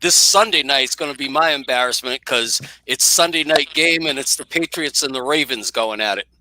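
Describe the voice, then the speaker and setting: Sharp animated storytelling man. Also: normal speed, dry recording, rough recording. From just south of Boston, now Florida. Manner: animated storyteller who mimics others in a high voice. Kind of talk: casual live-stream chat.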